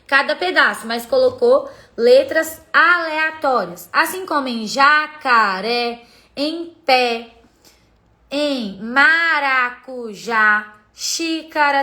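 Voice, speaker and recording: A woman's voice: sits high, pushed and bright. A woman teacher, patiently explaining a literacy lesson on a live stream and pointing viewers to examples.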